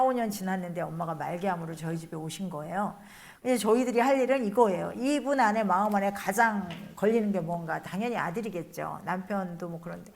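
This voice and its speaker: Nun telling a story in a lecture. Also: female voice, lowish voice, creaky, a little mellow. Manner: colloquial storytelling, acts out the people she quotes. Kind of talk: spiritual lecture told as a personal story.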